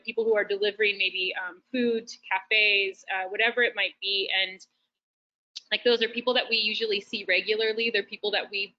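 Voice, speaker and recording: A woman's voice: medium pitch, lo-fi sound. A woman chatting casually as host of an online session, full of fillers and restarts. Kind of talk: casual webinar chat. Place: shared roasting facility.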